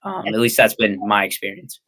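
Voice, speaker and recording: A man's voice: on the low side, very animated, a little fast, bright, forceful tone. A young man with an American accent, answering casually as an interview guest in a hesitant, rambling way. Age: young adult. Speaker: interview guest, ninja athlete and coach.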